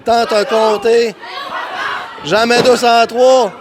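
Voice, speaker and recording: A man calls wrestling live as an excitable commentator. His voice sits very high and often rises into shouts, with drawn-out, slower phrasing. A noisy crowd is clearly heard behind him. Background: crowd and event noise.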